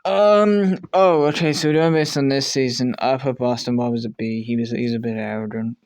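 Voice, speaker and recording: Casual male vlogger who thinks aloud, swears offhandedly and restarts a lot. Mid-pitched, smooth tone, dry close sound. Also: steady tone, normal speed, a little mellow, dry recording. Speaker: video creator ranking show contestants. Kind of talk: casual commentary while making a tier list.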